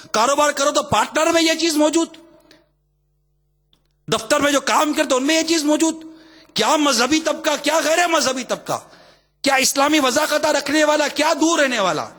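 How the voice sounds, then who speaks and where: A male preacher with a very high, bright, ringing voice delivers an emphatic sermon. He drives his points home with repeated phrases and rhetorical questions, and his words trail off into the long reverb of a big hall.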